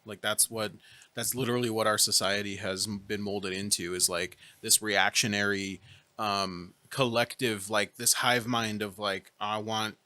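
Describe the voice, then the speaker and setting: A man's voice: on the low side, little pitch movement, unhurried, bright, forceful tone, dry recording. A man in casual discussion, explaining his point emphatically and checking that listeners follow.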